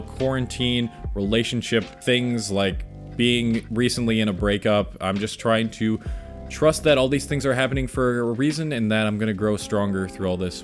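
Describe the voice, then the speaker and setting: Over background music, a young adult man with a fairly low voice answers viewer questions as a video creator. He sounds enthusiastic yet laid-back, speaking casually to his online audience and using lots of slang.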